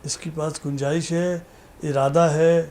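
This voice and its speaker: Man, higher-pitched voice, reflective judge, critical, faint studio background hum. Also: flat delivery, mellow. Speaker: naat competition judge.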